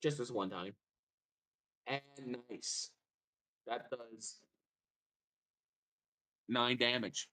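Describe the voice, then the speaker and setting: A man running a streamed tabletop game as game master, narrating with lively, theatrical swings of excitement. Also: medium pitch, very slow, long pauses.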